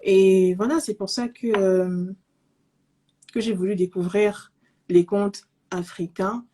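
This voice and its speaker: Speaking slowly over a call microphone, this pastry entrepreneur is a guest in a relaxed online interview. Born in Cameroon and brought up in Zimbabwe in an English-speaking home, she has a medium-pitched voice with fairly even intonation, and she's soft-spoken and halting, often using fillers and starting over.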